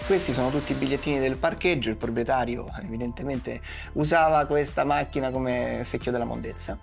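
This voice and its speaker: A man's voice: medium pitch, vocal fry. Colloquial man explaining over background music. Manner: colloquial, addresses viewer directly with rhetorical questions. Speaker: car detailing presenter. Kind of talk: casual instructional commentary. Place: small padded studio, seated at a desk.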